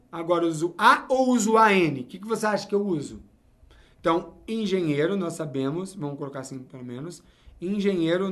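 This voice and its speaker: Male English teacher from Brazil, high voice, lively and direct with learners. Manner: lively, talks straight to the viewer with frequent "tá?" and "ok?". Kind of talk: explaining English grammar to learners.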